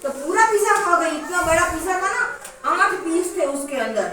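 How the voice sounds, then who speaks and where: A woman teacher telling a puppet story to children, animated and quizzing them. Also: extremely high pitch, brisk. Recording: echoey noisy room, far from mic.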